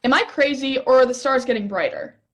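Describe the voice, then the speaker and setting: A woman's voice: high-pitched, a little fast, a bit bright. A young woman acting a playful, curious stargazer in a stage play reading, teasing and eager. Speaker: actor in a rehearsed play reading.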